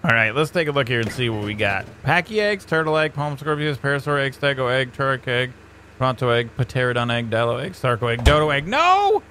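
A young man giving excitable let's-play commentary, yelping and joking at the animals. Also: mid-range voice, fairly quick, slight background noise. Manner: excitable, yelps and jokes at the animals. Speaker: gaming YouTuber.

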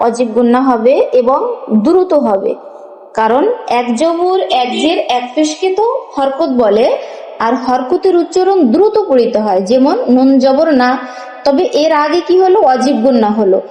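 A woman's voice: high voice, animated, moderate pace, warm tone. A woman teaching a Quran reading lesson, patiently spelling out letters and asking questions as she goes. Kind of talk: step-by-step recitation lesson. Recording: echoey room with long reverb.

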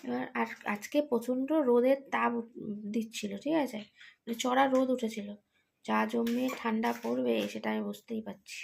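A woman's voice: fairly high pitch, fairly even intonation, moderate pace, gravelly, a little mellow, slight background noise. A woman, tired, rambling through an exasperated casual vlog monologue with many fillers. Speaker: vlogger, daughter caring for her ill father.

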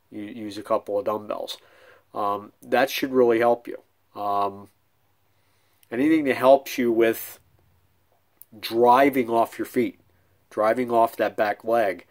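A middle-aged man giving casual bowling fitness tips in a small room at home, talking with frequent ums and restarts. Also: on the low side. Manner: conversational, many restarts and ums, demonstrating with hands. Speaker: bowling coach. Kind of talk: casual instructional vlog.

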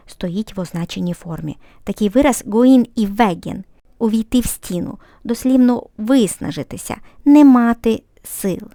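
A woman teaching a language lesson, patiently explaining grammar and repeating example sentences slowly and clearly. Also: mid-range voice, mellow, dry recording, studio quality.

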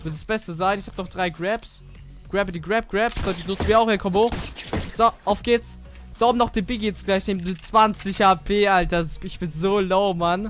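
A man giving casual gaming commentary, excitable and chatty as he plays with a teammate. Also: sits high, normal speed, faint music behind. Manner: excitable, swears casually, talks to teammate while playing. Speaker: gamer.

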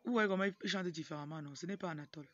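Racing along in a fairly low voice, a young woman with a Cameroonian French accent gives an informal motivational talk to camera, repeatedly veering into asides. Born in Cameroon and raised in Tonga, she's a motivational speaker and livestream host. The recording, from a phone at arm's length outdoors in a yard, is muffled and noisy, with a rooster crowing and background noise.

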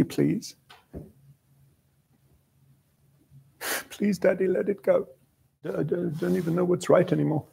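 An actor in his sixties playing an anguished, earnest father in a searching, halting theatrical soliloquy with emphatic, broken phrases. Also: fairly high pitch, gravelly, a little mellow, slightly rough, full character voice. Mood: troubled, searching. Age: 60s. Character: anguished older male father, earnest defender of the law. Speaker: actor performing a dramatic monologue. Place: indoor room, stage rehearsal.

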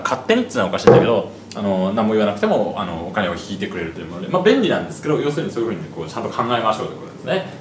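A man gives a casual, quick tour of a big hotel suite, filling his talk with asides and fillers. His voice sits fairly low but swings widely in pitch. The room sounds echoey, with a faint hiss underneath. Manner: chatty, rambling asides with many fillers. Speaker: travel vlogger. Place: large hotel suite, indoors. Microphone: handheld 360 camera.

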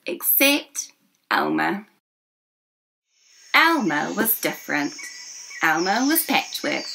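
A woman in her twenties, a children's story reader, reads a picture book aloud with expression, enunciating carefully for young listeners. Her voice is fairly low and gravelly. She's in a small furnished room indoors, with background noise in the recording.

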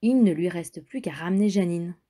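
A woman's voice: fairly low pitch, normal speed, warm tone. A woman reading a children's story aloud in a playful, chatty way.

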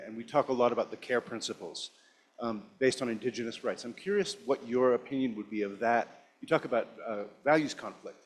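A man's voice: medium pitch, a little mellow. A man in the audience asking a conference speaker a thoughtful question, polite and a little hesitant.

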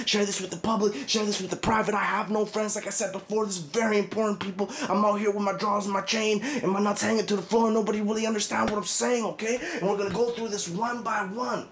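A man's voice: sits high, echoey room, slight background noise. A man doing a frantic, rambling parody rant that keeps calling out to "people". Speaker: comedic conspiracy vlogger.

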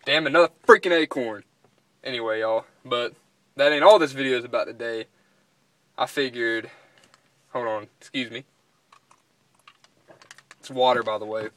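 A man's voice: mid-range voice, fairly even intonation, moderate pace, pauses often, no room sound. Casual young man, dry sound. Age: young adult. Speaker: vlogger and dip reviewer. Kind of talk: casual chat. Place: inside a parked pickup truck cab.

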